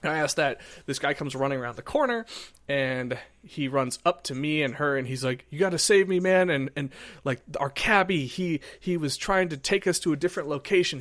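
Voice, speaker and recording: A man's voice: medium pitch, fairly quick, dry recording. A man in his thirties from Iowa, hosting a podcast and telling a long, rambling story in casual chat, acting out what people said. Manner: rambling, animated storytelling with acted quotes. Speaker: podcast host.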